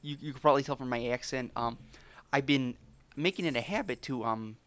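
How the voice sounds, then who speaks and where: A man's voice: medium pitch, a little fast, a bit bright, natural voice. A man voicing a friendly, rambling neighbor from Alberta with a Canadian accent, full of ums and eh. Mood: friendly hesitant. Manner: hesitant, full of ums, says eh.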